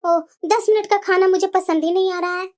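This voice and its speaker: A woman's voice: very high-pitched, steady tone, fairly quick, a little mellow, voice pushed down. A woman voicing a fussy old mother-in-law. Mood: coaxing. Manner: scolding, coaxing, repeats "bahu". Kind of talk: cartoon voice acting.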